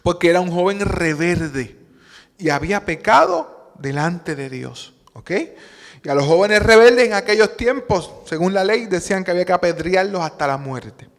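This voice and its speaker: High-voiced Puerto Rican preacher. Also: male voice, normal speed. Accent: Puerto Rican Spanish. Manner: storytelling, acting out dialogue in a calm voice. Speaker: pastor. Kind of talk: sermon. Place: church hall. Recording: long church-hall reverb.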